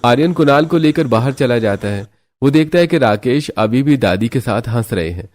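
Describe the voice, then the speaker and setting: A man narrating a scripted family story in a steady storytelling manner. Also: medium pitch, normal speed.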